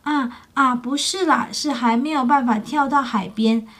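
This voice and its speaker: A woman's voice: high voice, normal speed, a bit bright. A woman voicing a small, kind baby pterosaur in a childlike, wavering voice. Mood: sweet.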